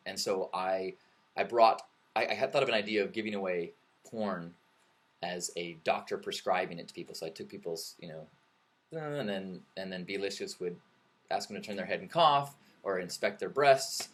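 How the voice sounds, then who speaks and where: A man's voice: sits low, normal speed, fairly bright tone. A man hosting a live webcam stream, chatting casually in a rambling, joking way, often restarting his sentences. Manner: rambling, joking, self-correcting. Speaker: livestream host. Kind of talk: casual livestream chat.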